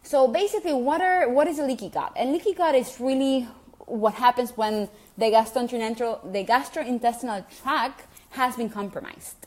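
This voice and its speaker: Speaking at normal speed in a fairly high voice with a darkish tone, this woman from Venezuela has a Venezuelan Spanish accent, Spanish being her first language. She coaches gut health in a casual direct-to-camera talk to her online group, encouraging and chatty with frequent ums and restarts.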